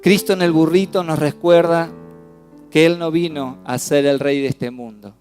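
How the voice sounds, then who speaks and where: A man from Argentina with a Rioplatense Spanish accent preaching a sermon in church, swinging from loud outbursts to hushed, slow phrases. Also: fairly high pitch, steady tone. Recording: soft piano music behind the voice.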